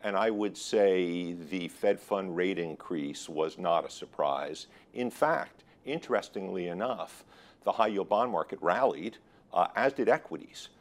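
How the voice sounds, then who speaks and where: Low-voiced man, measured financial expert. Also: lively intonation. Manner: measured, considered, analytical. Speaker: guest expert on high yield bond markets. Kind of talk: interview answers on financial markets.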